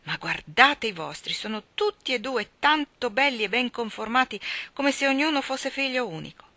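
A woman's voice: a little high, expressive, moderate pace, pushed and bright, no room sound, pitched above the performer's own voice. A woman reading aloud, voicing an old village midwife who speaks with emphatic, confident reassurance. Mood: reassuring.

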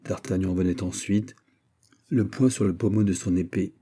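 Male narrator for a classic audiobook, low, husky, steady. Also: normal speed. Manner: steady, storytelling. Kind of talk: scripted narration.

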